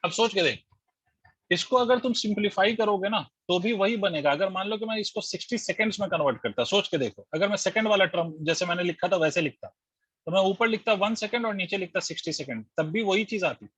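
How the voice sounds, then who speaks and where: A man's voice: high-pitched, expressive, fairly quick, a bit bright, breathy edge, no room sound. A man teaching physics in an online class, working through the steps and quizzing his students as he goes. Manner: explains step by step, quizzes students, mixes English terms into Hindi. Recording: dull lo-fi dry audio.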